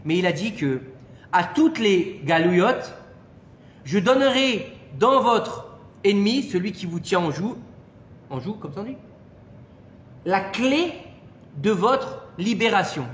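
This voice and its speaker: A man giving an informal Torah lesson to a small group, animated and peppering his listeners with questions. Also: sits high, slow, long pauses. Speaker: Torah teacher. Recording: echoey room with long reverb and faint noise.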